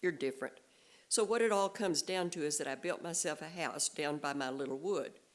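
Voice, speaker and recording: A woman reading a storybook aloud and voicing a melancholy old male donkey in a slow, mournful way. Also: sits low, close to an everyday voice. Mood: gloomy.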